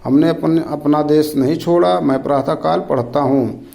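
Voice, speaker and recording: A man's voice: fairly high pitch, steady tone, moderate pace, gravelly, dark tone, poor audio. A man tutoring Hindi exam questions, reading each option aloud and naming the wrong one. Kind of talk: rapid quiz walkthrough.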